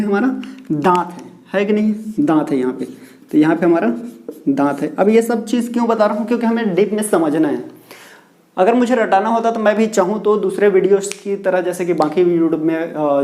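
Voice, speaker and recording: This male teacher has a high-pitched, slightly mellow voice as he gives a classroom lesson on pronunciation. He repeats the key words and answers the questions he asks. The recording carries a roomy echo.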